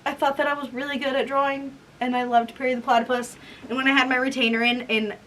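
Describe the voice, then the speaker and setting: A woman in her twenties with a high voice talks in a casual vlog style. She sounds embarrassed and self-mocking as she reads aloud from her old writing. The mic is a little distant, with some faint noise around her. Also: level tone, quick pace, a bit bright. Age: 20s. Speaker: vlogger. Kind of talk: casual vlog chat, reading old diaries.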